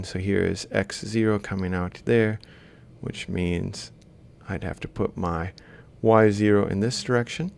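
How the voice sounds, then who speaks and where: A man with a creaky, somewhat dark voice, a robotics lecturer, talks through a worked example in an informal lecture, drawing as he explains, reasoning aloud step by step and correcting himself along the way. Faint background noise with a low rumble sits under the recording.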